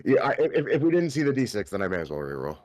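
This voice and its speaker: A man's voice: mid-range voice, very animated, fast talker, a little mellow. A man in casual chat as a player in a tabletop game, rambling through his plans and laughing often.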